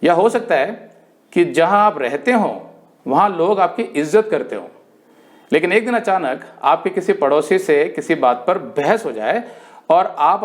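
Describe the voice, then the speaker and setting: एक अधेड़ उम्र का पुरुष बाइबल शिक्षक, जो प्रवचन के अंदाज़ में सिखाता है और कहानियों के पात्रों की बातें अभिनय करके सुनाता है।. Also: male voice, on the high side. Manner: animated storytelling, acts out quoted speakers. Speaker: Bible teacher. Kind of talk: sermon-style Bible study.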